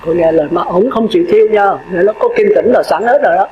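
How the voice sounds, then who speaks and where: An older monk preaches in a high, folksy voice. He chats, laughs and quizzes his listeners. The recording is dull and echoey, with steady noise underneath. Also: fast talker. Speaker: Buddhist monk teacher. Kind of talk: dharma talk sermon.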